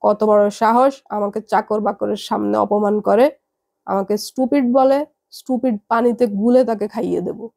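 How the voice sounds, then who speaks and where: A woman's voice: medium pitch, steady tone, normal speed, vocal fry, a little mellow. A woman voicing an angry, proud middle-aged mother who scolds her daughter over the phone in a heavy voice. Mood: scolding, furious.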